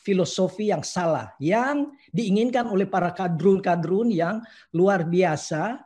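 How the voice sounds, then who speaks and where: A man's voice: high-pitched, measured pace, a little mellow. A man speaking as a guest in a live video call discussion, earnest and outspoken, making long statements. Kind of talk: earnest opinion talk.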